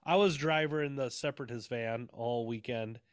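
A man's voice: mid-range voice, normal speed, smooth, no echo, studio quality. A man in casual chat, telling rambling stories with frequent laughs and swearing. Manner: rambling, laughing storyteller who swears freely.

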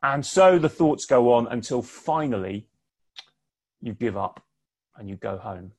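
A man giving a sermon online, speaking in a measured, conversational way with pauses for emphasis. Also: medium pitch, animated, a little mellow, slightly rough. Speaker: preacher. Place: home, preaching online.

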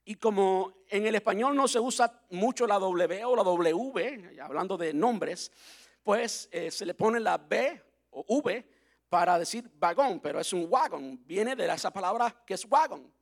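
A man's voice: high-pitched, expressive, measured pace. A man from Cuba who speaks, preaching as a pastor in a chatty, playful way and spelling words out letter by letter. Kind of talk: sermon.

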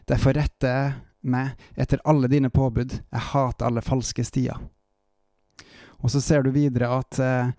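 A man reading psalm verses aloud in a calm, measured way, stopping now and then for short devotional reflections. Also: medium pitch, creaky, no room sound, clean studio sound. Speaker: Bible reader and preacher. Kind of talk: Bible reading with devotional commentary.

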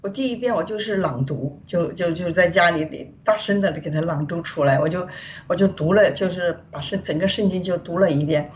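A woman from China, a guest on a show, giving a rambling, earnest personal testimony of faith over a remote call. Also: brisk. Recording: distant, dull, faint rumble.

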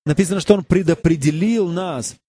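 A man's voice: a little high, a little fast, warm tone. A man preaching a sermon, earnestly asking the congregation questions. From United States.

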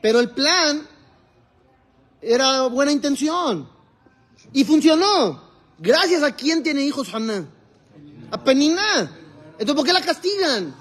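A man's voice: extremely high pitch, sing-song, takes it slowly, pauses often, a bit bright. A man, a rabbi teaching a religious class, asking his students questions and explaining the Hebrew texts he quotes. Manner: asks the class questions and answers them himself. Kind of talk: religious lesson to a live group.

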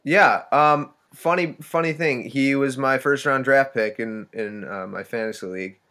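A man's voice: medium pitch, moderate pace, sharp tone. Playful man co-hosting a podcast. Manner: playful, teasing. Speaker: podcast co-host. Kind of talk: casual sports podcast chat.

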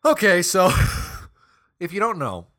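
Lively young man, bright voice. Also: high voice, slow. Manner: animated, swearing, laughs often. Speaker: podcast co-host. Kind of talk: casual chat.

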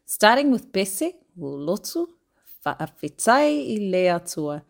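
Female podcast host, mid-pitched voice, introducing and interviewing. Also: very animated, slow pace, creaky.

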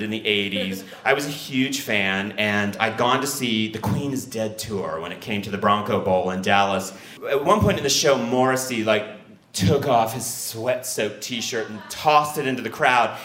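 Animated male storyteller, bright voice. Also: reverberant. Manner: animated, excitable, acts out quotes with big pitch jumps. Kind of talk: personal true story told aloud.

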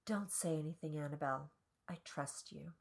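A woman voicing an intense, oddly formal man, speaking slowly and quietly. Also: on the low side. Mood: hushed.

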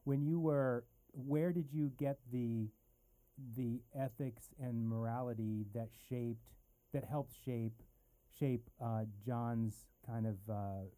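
A man's voice: medium pitch, steady tone, slow pace, warm tone, rough recording. A man hosting a podcast interview, asking questions while searching for words. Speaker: podcast host. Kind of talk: casual interview chat.

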